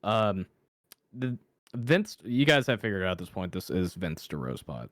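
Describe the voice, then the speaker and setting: A man narrating as game master in a casual, chatty way, with quick asides to his players. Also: low-pitched, sing-song, a bit bright, no echo, studio quality. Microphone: camera mic.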